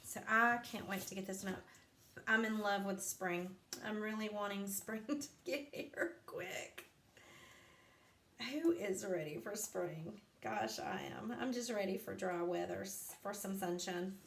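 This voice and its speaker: A woman's voice: mid-range voice, a little slow, fairly bright tone. A sleepy woman demonstrating a home craft live, chatting along with plenty of ums and asides. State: sleepy, yawning. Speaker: craft vlogger. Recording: echoey room, faint background noise.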